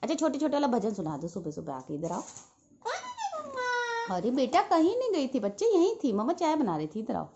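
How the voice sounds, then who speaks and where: A woman's voice: fairly high pitch, very animated, brisk, mellow, dull audio, slight background noise. A woman coaxing her pet parrot in doting baby talk. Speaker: pet owner.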